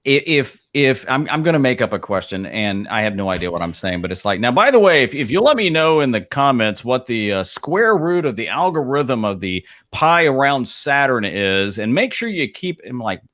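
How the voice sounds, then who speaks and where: Male co-host, casual rambling chat, ordinary middle pitch. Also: big pitch swings, moderate pace, hardly any pauses, a bit bright. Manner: rambling, many restarts and fillers. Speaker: live streaming co-host.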